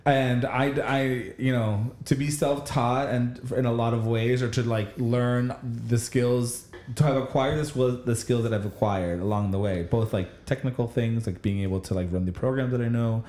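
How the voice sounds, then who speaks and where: A man's voice: medium pitch, fairly even intonation, moderate pace, hardly any pauses, darkish tone, slight background noise. Reflective man in an echoey room. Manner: reflective, rambling, many restarts. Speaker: administrator going back to school. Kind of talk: casual chat.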